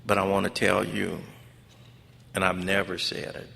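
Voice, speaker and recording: A deep, gravelly American man from Los Angeles gives a preacher-like personal testimony at a recovery fellowship convention in a large conference hall. His delivery is monotone and moderately paced, with a bright, forceful tone, emphatic and colloquial, repeating phrases for effect. The echoey hall PA carries background noise.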